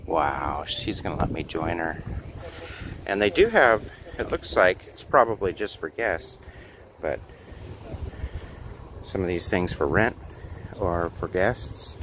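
A man in his fifties speaks in a low, easygoing voice, chatty and full of recommendations. He is recorded on a handheld phone outdoors at night, with clear background noise behind him. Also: very animated, takes it slowly, long pauses. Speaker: travel vlogger. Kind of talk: casual vlog narration. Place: outdoor beachfront restaurant at night. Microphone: phone at arm's length.

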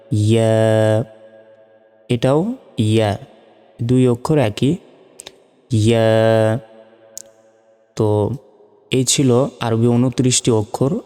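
A man teaching Arabic letter pronunciation in a slow step-by-step lesson, drawing out and repeating each sound. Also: mid-range voice, dark tone. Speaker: Quran teacher. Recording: long hall reverb with faint music.

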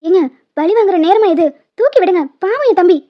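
A woman's voice: very high voice, animated, brisk. A woman voicing a nosy young wife who scolds and questions the men, in a dull, muffled recording. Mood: scolding. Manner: scolding, suspicious.

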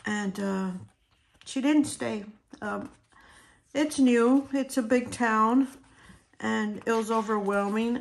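A hoarse woman talking quietly, almost in a whisper, as she sorts stickers and decorates her planner, chatting casually as she goes. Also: mid-range voice, a little hiss or hum. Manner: quiet, near-whispered, talks while sorting stickers. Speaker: planner vlogger. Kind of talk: soft-spoken planner decorating chat.

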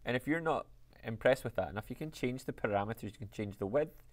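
A man teaching a music technology lesson, explaining software steps in an upbeat, chatty way. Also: mid-range voice, lively intonation, fast, very noisy.

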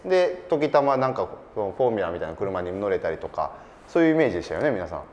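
A man hosting a casual game stream, animated and laughing often, reading out viewer comments. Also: fairly low pitch, racing, highs cut off. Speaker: stream host.

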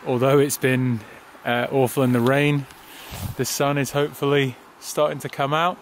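A tired young man, a touring cyclist, chatting casually to his camera outdoors by a highway and laughing often. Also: level tone, normal speed, slight background noise. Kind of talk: casual video diary.

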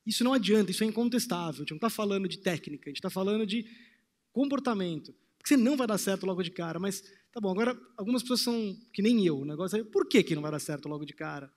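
A man in his thirties speaks to a large audience with a fairly high voice, reflective and gesturing as he paces the stage. A headset mic carries him, but the long reverb of a big conference hall trails his words. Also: animated, rapid-fire. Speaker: trading course presenter. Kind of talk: motivational talk on stage.

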